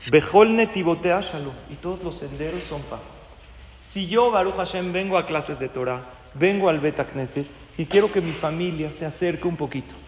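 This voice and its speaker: A man's voice: fairly high pitch, moderate pace, big-room sound, slight background noise. A man, a rabbi, giving a class as a sermon. He puts questions to his listeners and acts out the voices in the story he tells.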